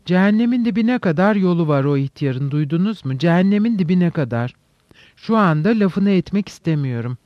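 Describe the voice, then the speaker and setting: A man voicing a reckless, excitable young man who talks brashly in an audiobook reading. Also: high-pitched, fairly quick, no room sound. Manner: impulsive, brash. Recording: dull dry recording.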